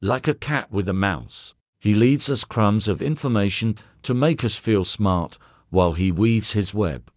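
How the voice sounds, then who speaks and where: A man voicing a calm, courteous elderly detective who asks questions softly and drops French words. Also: on the low side, measured pace, dry recording, clean studio sound, natural voice. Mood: calm probing. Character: elderly male Belgian detective, calm and probing.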